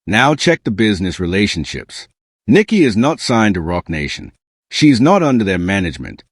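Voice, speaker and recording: Smug, sarcastic man, swinging pitch, exposé narrator. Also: very animated, normal speed, slightly rough, dry recording, clean studio sound. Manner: smug, sarcastic, dramatic, slangy. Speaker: host of a celebrity gossip video channel.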